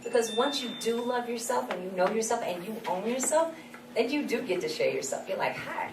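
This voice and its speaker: A woman's voice: on the high side, animated, brisk, recorded from a distance. A woman giving a motivational faith talk to a youth leadership forum, earnest and repetitive in her encouragement. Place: event hall. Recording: echoey hall, mic from afar, background noise.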